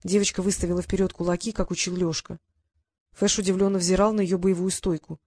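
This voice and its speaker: Calm woman reading a storybook. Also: on the low side, a little fast, no echo. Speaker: audiobook narrator. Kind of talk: scripted narration.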